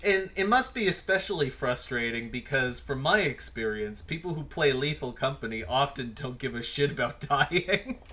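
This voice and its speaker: A man hosting a casual interview, self-deprecating and quick to laugh. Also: medium pitch, animated, pushed and bright. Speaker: interview host.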